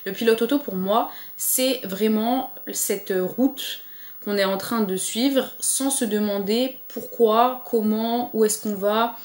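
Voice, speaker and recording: A woman's voice: on the high side, takes it slowly, echoey room. A woman vlogger talking casually to camera, chatty and encouraging, with frequent fillers. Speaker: lifestyle vlogger. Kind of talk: casual motivational chat to camera.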